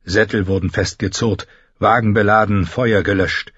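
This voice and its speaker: A man's voice: on the low side, fairly even intonation, moderate pace, fairly bright tone, slightly rough, dry recording. A man reading fantasy fiction aloud as an audiobook narrator. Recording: dull lo-fi recording.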